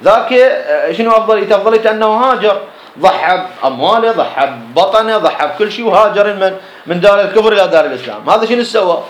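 A man's voice: sits high, expressive, quick pace, reverberant, poor audio. A man with an Iraqi Arabic accent teaching a jurisprudence class, explaining a text line by line and posing questions he answers himself.

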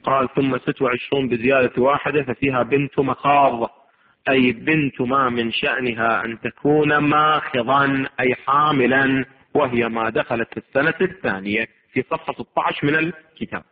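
A man's voice: mid-range voice, steady tone, normal speed. A man giving a seminary lecture on religious law, reading a text aloud and explaining it with rhetorical questions. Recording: tinny phone-like lo-fi recording.

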